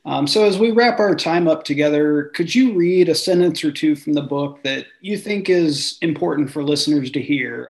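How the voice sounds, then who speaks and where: A man hosting an interview podcast, reading a promo and asking questions in a measured, conversational way. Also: fairly high pitch, vocal fry. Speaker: podcast host.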